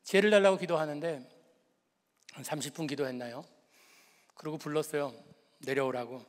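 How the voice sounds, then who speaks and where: A middle-aged man preaching, a pastor telling a personal story with emotion, moving between lively and hushed tones. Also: fairly high pitch, a little fast, big-room sound.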